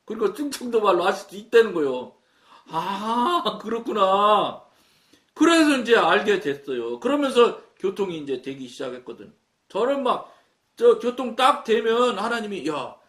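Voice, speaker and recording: Lively high-voiced Korean preacher, echoey. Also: male voice. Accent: Chungcheong Korean. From Chungcheong, Korea. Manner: storytelling, acting out dialogue. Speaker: pastor. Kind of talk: sermon talk. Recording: echoey room, mic at a distance.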